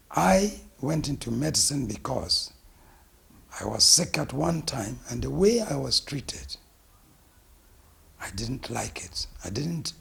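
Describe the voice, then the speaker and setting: Middle-aged ghanaian guy, super gravelly and husky, talking about his clinic slow and emphatic. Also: mid-range voice. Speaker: naturopathic physician. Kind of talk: self-introduction interview.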